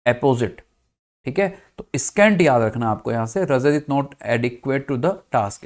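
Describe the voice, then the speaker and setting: A man from India teaching an English vocabulary lesson in Hindi, often checking with his students if things are clear and spelling words out letter by letter. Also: a little high, a little mellow. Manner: addresses students as "bachcha party", checks "clear?".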